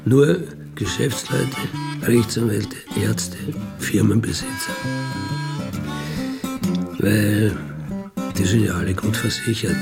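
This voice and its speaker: A middle-aged former burglar with an Austrian accent casually tells his own life story in a radio feature. His lowish, creaky voice stays matter-of-fact, unapologetic, and colloquial.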